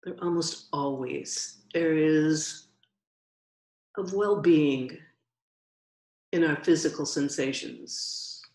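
In a roomy space with noticeable echo, a female meditation teacher leads a guided meditation. Her voice is low-pitched for a woman, and she delivers short phrases very slowly and softly, separated by long silences.

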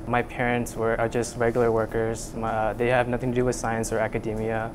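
Speaking in a completely flat, brisk way, this young man from Vietnam explains his undergraduate lab research for a casual interview. His mid-range voice is full of hesitant fillers and restarts, picked up by a lapel mic in a university lab with a faint hiss or hum.

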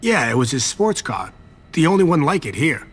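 In a game cutscene, a nervous, servile young vampire garage attendant hiding a secret explains things eagerly at normal speed. His husky, sing-song voice swings widely in pitch as he pleads, defers, and dodges, sounding eager to please and easily cowed.

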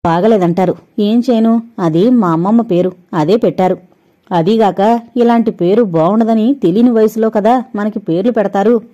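A sharp-tongued young woman in an audio novel trades playful retorts, voiced by a woman narrator. The tone is deep and mellow, and the recording is a little dull and lo-fi. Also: moderate pace, natural voice. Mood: teasing. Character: young woman, witty and teasing.

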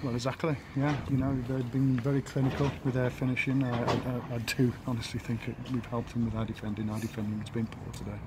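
A man in his fifties, an English football manager, giving a halting post-match interview outdoors by the pitch, full of fillers and restarts. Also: flat delivery. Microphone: handheld camera at close range. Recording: outdoor noise behind.

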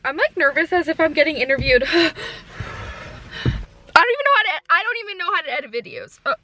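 Young woman vlogger, high voice, jittery chatty first-timer, camera held in hand in her car. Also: lively intonation, quick pace, pushed and bright. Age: 20s. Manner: nervous, giggly, rambling with many likes. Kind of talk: casual vlog chat.

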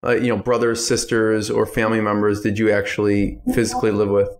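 A man's voice: lowish voice, completely flat delivery, brisk. A man hosting a podcast, introducing his guest and asking questions in a friendly, chatty way. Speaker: podcast host. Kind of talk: casual interview.

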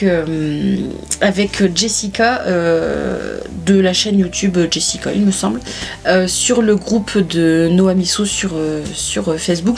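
A woman's voice: mid-range voice, darkish tone. Chatty woman vlogger. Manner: chatty, many fillers and restarts. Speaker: beauty vlogger. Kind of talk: casual haul chat to camera.

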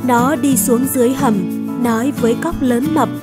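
A woman reading a scripted Vietnamese folktale for children in a measured storybook manner. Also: a little high, steady tone. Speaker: storyteller narrator. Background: background music.

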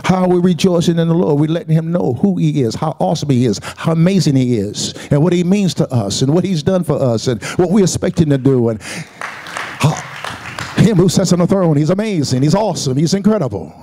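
A man's voice: a little high, lively intonation, brisk, dark tone. A man preaching a Sunday sermon as pastor, calling out to the congregation and repeating words as he builds his points. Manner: preaching with call-and-response asides; repeats words and restarts often.

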